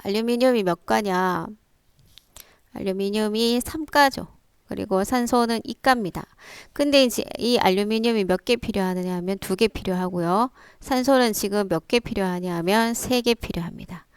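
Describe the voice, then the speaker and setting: A woman's voice: medium pitch, clear, resonant tone, dry recording. A woman science teacher explaining step by step in a lecture, prompting with rhetorical questions. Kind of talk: classroom lecture.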